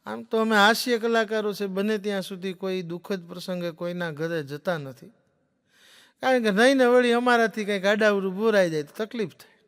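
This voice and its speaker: A man's voice: sits high, moderate pace, fairly bright tone, smooth. A man doing stand-up, telling folksy joke stories and acting out the dialogue for a laughing audience. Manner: folksy storyteller, acts out dialogue. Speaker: stand-up comedian. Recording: long hall reverb.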